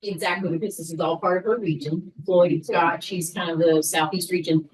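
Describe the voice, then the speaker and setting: A woman's voice: fairly low pitch, steady tone, normal speed, far from the mic, poor audio. A woman coordinating a local program, explaining it to a class in a conversational way with many fillers. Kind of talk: informal class presentation.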